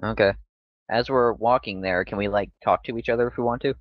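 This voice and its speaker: A man's voice: on the low side, fairly even intonation, fairly quick, no room sound, muffled recording. A man playing a tabletop game, chatty and joking with the table. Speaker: player. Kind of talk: casual tabletop play.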